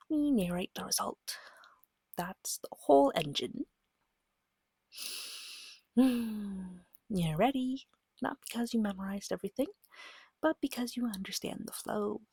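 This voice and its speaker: This female ASMR host and game master gives a soft-spoken guide to a tabletop game, her fairly high voice breathy and half-whispered with soft fry. She is gentle, patient, soothing and reassuring, speaking slowly and deliberately. The close-mic sound is dry and intimate, with no room sound.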